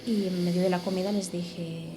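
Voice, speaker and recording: Speaking at a moderate pace in a fairly low voice, a Catalan woman appears as a podcast guest and tells her story casually. She is animated, often repeating and restarting phrases, and steady background noise fills the recording.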